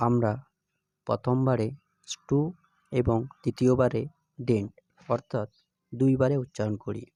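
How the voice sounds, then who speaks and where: Male teacher giving a scripted grammar lesson, measured and steady, mellow timbre. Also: mid-range voice, dry recording. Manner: slow, measured explanation.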